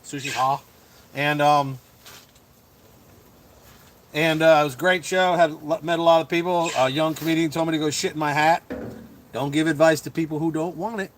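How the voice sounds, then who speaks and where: A middle-aged man hosting a casual livestream chat as a comedian, rambling with lots of fillers and quick chuckles. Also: fairly high pitch, steady tone, a little hiss or hum. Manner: chuckling, full of fillers and restarts.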